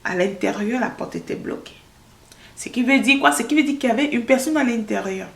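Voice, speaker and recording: A woman vlogger telling a personal story in a casual, animated way, acting out the dialogue as she goes. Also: brisk, creaky, echoey room. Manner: animated, quotes dialogue with rising pitch.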